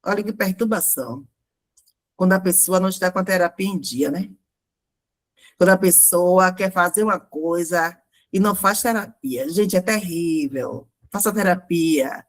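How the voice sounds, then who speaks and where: A woman's voice: on the low side, moderate pace. A Brazilian woman pastor with a Brazilian Portuguese accent, preaching in a conversational sermon style full of fillers and rhetorical questions. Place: church.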